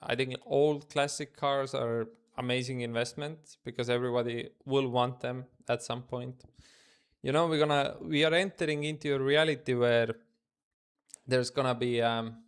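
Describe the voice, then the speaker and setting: A native Estonian speaker with an Estonian accent day-trades on a live stream from his room, chatting loosely in English, thinking aloud and replying to chat. His mid-range voice is clear with a resonant tone.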